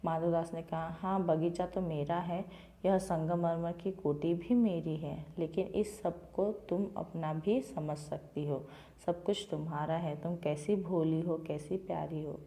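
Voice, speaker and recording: A woman teacher reads a story to schoolchildren and then explains each line in plain words. Her voice sits fairly low and sounds mellow and relaxed. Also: a little slow. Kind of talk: reading a Hindi textbook lesson aloud and explaining it to children.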